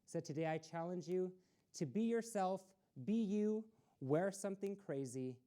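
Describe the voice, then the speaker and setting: A woman whose voice sits on the low side, dark-toned, with lively intonation and no hurry, reads a children's picture book on a community storytime broadcast. Filmed in a community access TV studio, she speaks directly to the kids and encourages them.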